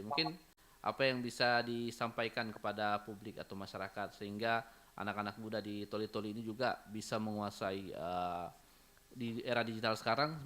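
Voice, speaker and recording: A male radio host speaks in a formal, announcer-like way. His voice sits fairly low. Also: bright, forceful tone. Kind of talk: radio talk show hosting.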